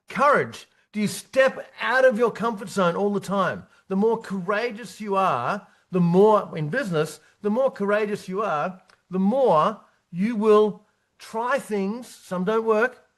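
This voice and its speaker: A business coach in his fifties presents his book in a motivational talk to accountants, his fairly high voice a bit bright. He speaks in short, punchy bursts, repeating key words and adding tag questions like "right?" to keep the audience engaged.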